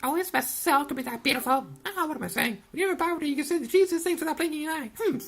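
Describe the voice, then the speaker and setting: A woman's voice: high voice, pitched above the performer's own voice. A woman voicing a young girl, a rich debutante fallen into poverty, in a theatrical, pleading and self-pitying way as she reads game dialogue. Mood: grateful. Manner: theatrical, pleading, rapid gushing delivery. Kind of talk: reading game dialogue aloud in a put-on voice.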